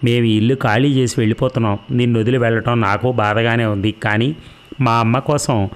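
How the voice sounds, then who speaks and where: A man's voice: mid-range voice, fairly even intonation, fairly quick, clear, resonant tone, close to an everyday voice. A man voicing a young man torn between his lover and his mother, firm yet regretful. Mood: resolute.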